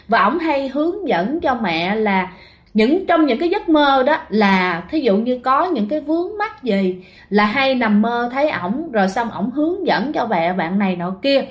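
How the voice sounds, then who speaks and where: A woman with a slightly high, expressive voice narrates a ghost story casually at a measured pace. She's chatty and keeps speaking directly to her listeners.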